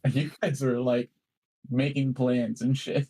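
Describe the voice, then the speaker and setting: A man narrating a tabletop game as game master in a deliberate, descriptive way. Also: medium pitch, level tone, warm tone, breathy edge, no echo.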